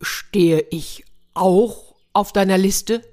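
A woman's voice: medium pitch, extremely slow, a little mellow. A woman voicing a large, normally brave male stag in a storybook, speaking hesitantly and repeating himself. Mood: anxious. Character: big proud stag, now nervous.

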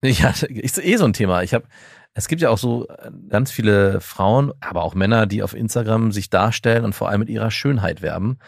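A man's voice: lowish voice, brisk, creaky, husky, dry recording, clean studio sound. A middle-aged man talking candidly in a casual podcast chat, reflective and often restarting his sentences. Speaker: podcast co-host.

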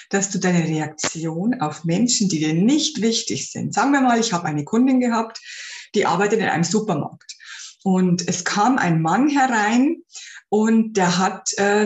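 A woman hosting an advice podcast as a spiritual life coach, talking earnestly and directly to the listener. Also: medium pitch. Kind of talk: casual spoken advice podcast. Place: room at home with a window. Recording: roomy echo.

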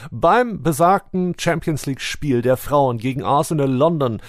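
A man's voice: a little high, animated, normal speed, dry recording, studio quality. A man hosting a podcast in a conversational presenting style. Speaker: podcast host.

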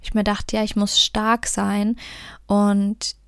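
Woman podcast host, calm soft near-whisper, kinda gravelly, reads a fairy tale then talks to you gently. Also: mid-range voice, slow pace, no echo, clean studio sound. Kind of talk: fairy tale reading and gentle direct address.

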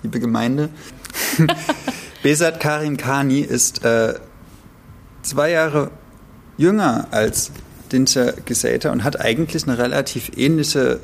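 A man in his thirties talks about books in an easy, conversational way, often pausing on fillers. His voice has a gravelly, creaky texture. A faint hiss runs under the recording. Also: mid-range voice. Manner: relaxed, chatty, many fillers. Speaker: podcast co-host. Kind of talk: casual literary chat.

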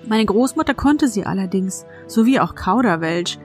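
A woman's voice: mid-range voice, lively intonation, moderate pace, darkish tone, soft background music, natural voice. A woman voicing an eager little girl, the heroine of a fairy tale, speaking earnestly.

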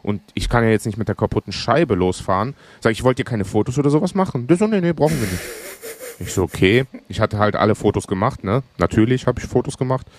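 A man of Greek background, co-hosting a podcast, telling a lively story in casual chat and acting out the other people's lines. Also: fairly low pitch, fast talker, few pauses, a little hiss or hum. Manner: animated anecdote, acts out dialogue. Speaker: podcast co-host.

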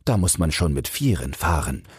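A man's voice: a bass voice, very animated, normal speed, a little mellow, breathy edge, no echo, studio quality, full character voice. A man voicing a carefree journeyman smith who teases his fearful companion in a fairy-tale audiobook. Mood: teasing, easygoing. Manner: teasing, easygoing.

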